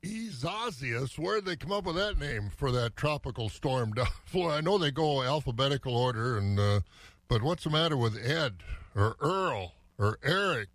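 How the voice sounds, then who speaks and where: A man's voice: mid-range voice, expressive, moderate pace, fairly bright tone, dry recording. Folksy American man chatting on morning radio. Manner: folksy, rambling, musing aloud. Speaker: morning farm radio host. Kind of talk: casual radio chat and weather report. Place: dry radio studio.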